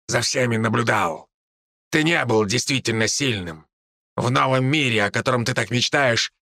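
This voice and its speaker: A man voicing a mocking male druid who speaks through ravens, slow, scornful and taunting, with a gravelly voice. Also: mid-range voice, pushed and bright, no echo, clean studio sound, heavily acted.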